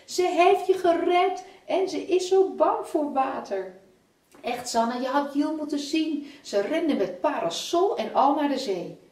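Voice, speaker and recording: A talkative young boy, as a woman reads him aloud, friendly and quick in a children's storybook. The lively voice bounces around a roomy space, set back from the mic. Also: sits high, pitched above the performer's own voice. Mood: chatty. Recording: roomy, from a distance.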